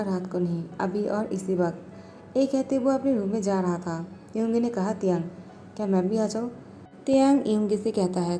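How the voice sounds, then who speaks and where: A woman's voice: mid-range voice, warm tone, slight background noise. A woman narrating a fan story and voicing every character herself with little change.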